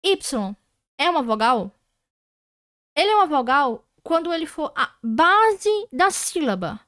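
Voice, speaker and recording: Her voice sits high, very animated and a bit bright, as this Brazilian woman teaches Portuguese grammar online. She goes over words slowly and patiently, checking her students follow along, in studio-quality sound free of echo.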